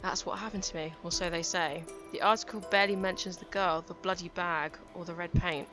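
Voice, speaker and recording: A woman's voice: lowish voice, steady tone, lightly acted. Woman reading as a grieving young detective. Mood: somber. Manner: somber inner monologue, read aloud haltingly. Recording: game music behind.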